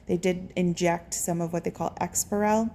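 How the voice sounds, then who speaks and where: Low, creaky woman, halting vlog talk. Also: steady tone, warm tone. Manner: halting, pauses to search for words. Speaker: patient recording a recovery vlog. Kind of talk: casual update talk to camera. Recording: faint background room noise.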